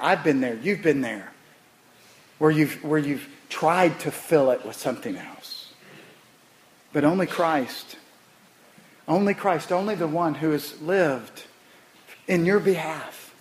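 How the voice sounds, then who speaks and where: A middle-aged male pastor preaching a sermon, impassioned, repeating phrases and swinging from soft, low words to loud, rising ones. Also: rough recording.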